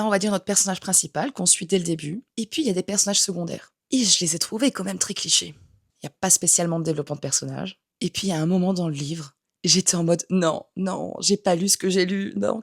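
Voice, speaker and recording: Husky frank woman book vlogger. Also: on the low side. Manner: frank, animated, playful asides. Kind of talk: casual vlog commentary.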